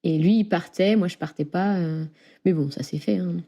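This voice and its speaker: A young Frenchwoman from near Lyon chats casually as an interview guest, using lots of fillers and laughing frequently. Her voice is fairly low and warm, and she speaks at a normal speed.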